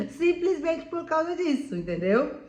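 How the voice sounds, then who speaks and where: Woman vlogger, mid pitch, talkative advice-giver, roomy sound. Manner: chatty, addresses viewer as "meu amor", many "né?" tags. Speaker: vlogger living abroad. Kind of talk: casual advice vlog. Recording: echoey room.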